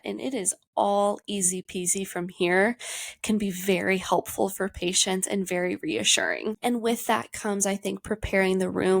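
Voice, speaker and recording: Calm hospice nurse, woman with creaky voice. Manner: calm, reassuring, confident low-inflection delivery. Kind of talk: educational talk with personal stories.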